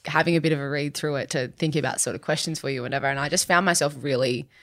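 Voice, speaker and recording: A woman's voice: low-pitched, rapid-fire, fairly bright tone. A woman hosting a podcast interview, chatting casually and praising her guest effusively, with many likes and restarts. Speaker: podcast host.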